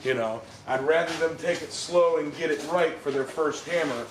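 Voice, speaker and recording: A man with a rather high voice hosts a casual live stream in a folksy way. He addresses viewers informally. The room is echoey, with clear noise behind him. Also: moderate pace. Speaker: livestream host. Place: forge workshop. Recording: echoey workshop, loud background noise.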